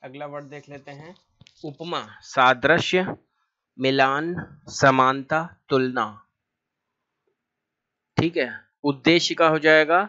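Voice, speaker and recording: A man teaching as a language teacher, reciting lists of synonyms in a steady, drilling way with short asides. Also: on the high side, slow, pauses often, highs cut off. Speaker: Hindi teacher.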